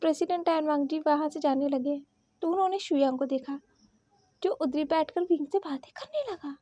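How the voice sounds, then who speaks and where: A woman narrating a fan-fiction story in a steady, unhurried way. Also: sits high, no echo.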